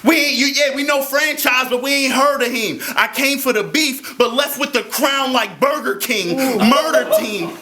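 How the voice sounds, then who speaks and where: A man performing an aggressive, punchy battle rap verse live, shouting some lines and laughing between bars. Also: extremely high pitch, moderate pace, hardly any pauses. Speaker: battle rapper. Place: live battle rap event before a crowd. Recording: live event with crowd noise.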